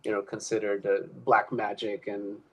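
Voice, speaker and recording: This rough recording captures a young Ecuadorian guest speaking at a moderate pace in a low, monotone voice. Reflecting on his personal story in a casual chat, he often stumbles into fillers and begins sentences over.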